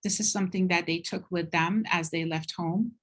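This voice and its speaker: Thoughtful low-voiced woman presenting slides. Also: fairly even intonation, a bit bright. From Turkey. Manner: unhurried, thoughtful, frequent ums. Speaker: presenter at a university talk.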